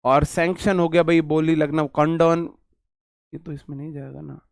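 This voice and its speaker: A man's voice: on the high side, level tone, normal speed, gravelly, dry recording, clean studio sound. A young man teaching English vocabulary in a casual classroom lecture, joking and repeating lines for emphasis.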